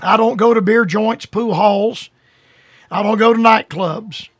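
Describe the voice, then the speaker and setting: An older man delivers a radio sermon in a high, husky voice. He stresses his points earnestly, slowing down and drawing out key phrases. The sound is dry and close to the mic. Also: no room sound. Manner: earnest, drawn-out emphatic phrasing. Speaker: radio preacher.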